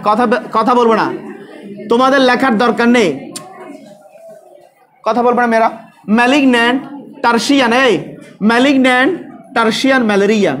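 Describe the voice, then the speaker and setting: A male biology teacher lecturing a class, drilling students with repeated questions and scolding those who talk. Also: extremely high pitch.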